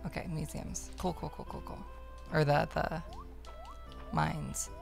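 Very creaky-voiced woman streaming a game. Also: deep voice, little pitch movement, measured pace, over music. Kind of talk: casual gameplay commentary, reading dialogue aloud.

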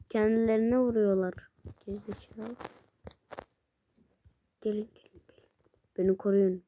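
Slow-talking woman shouting at a mobile game. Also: a little high. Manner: excitable, swearing, shouting at the screen. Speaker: gaming video creator. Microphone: phone screen recorder.

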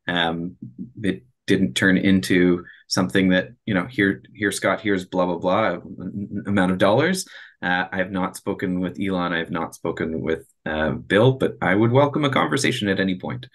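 A deep-voiced man in his thirties, speaking at normal speed, gives an earnest, explanatory answer on a video call as presenter of a space project, often restarting his words. The presentation and Q&A come from a small room at home or an office through a computer microphone.

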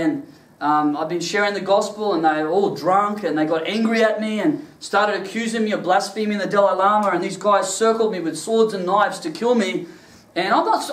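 Male preacher, high-pitched and lively, recorded from a distance in a reverberant hall. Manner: animated storytelling, laughs through his stories. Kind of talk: sermon with personal testimony. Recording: echoey room, mic at a distance.

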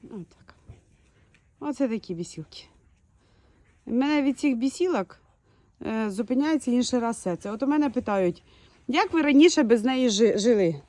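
A woman from Ukraine, a dog breeder, chatting casually outdoors in a village yard and shouting her dogs' names between laughs. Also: a little high, animated, moderate pace, pauses often, no room sound. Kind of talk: casual vlog commentary.

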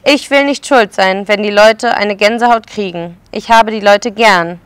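A woman voicing a gentle, kindly young male lion who doesn't want to scare anyone, in a read-aloud storybook. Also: mid-range voice, a little slow, clear, resonant tone, dry recording, natural voice. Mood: innocent.

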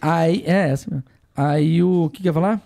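Fast-talking joking Brazilian man. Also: fairly high pitch, creaky, dark tone. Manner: rambling, joking, swearing, sudden exclamations. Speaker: podcast guest comedian. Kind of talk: casual podcast chat.

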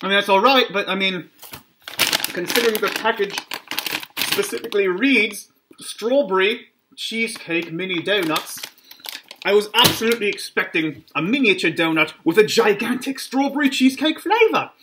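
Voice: mid-range voice, lively intonation, normal speed. A snack reviewer talking through a costume mask, casually rambling with jokey, self-mocking asides while tasting a treat. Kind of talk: casual food review vlog. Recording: clear background noise.

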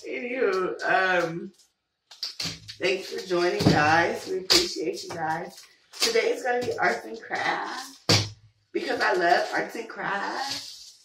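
A woman hosting a casual vlog, hoarse from being sick, chatty and full of questions for her viewers. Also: mid-range voice, takes it slowly. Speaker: vlog host. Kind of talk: casual chat. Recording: roomy echo, from far off the mic, faint noise.

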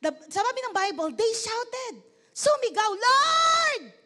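A woman pastor from the Philippines preaches at a church service. Her voice sits very high, and her talk is lively and polite. She keeps calling out questions to the congregation and switches freely between Tagalog and English. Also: normal speed. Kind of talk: sermon.

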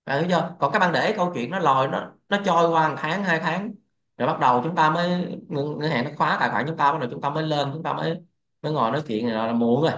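A man's voice: on the high side, quick pace, fairly bright tone. Blunt, profane man. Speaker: crypto trading channel host. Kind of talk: casual livestream rant. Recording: echoey, dull lo-fi sound.

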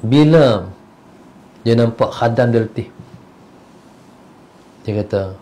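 A religious teacher tells a story in his lecture with lively energy. He shifts between sudden loud bursts and quiet, murmured asides. He slips briefly into the voices of the characters as he goes. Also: mid-range voice, slow pace. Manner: animated, acts out the characters' voices.

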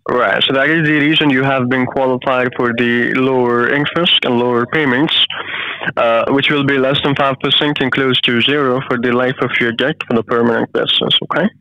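A man's voice: medium pitch, steady tone, normal speed, no echo. Indian-accented man on a dull phone line. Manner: hesitant, repeats words when pressed. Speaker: scam caller. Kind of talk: scripted sales pitch on a phone call. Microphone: phone call.

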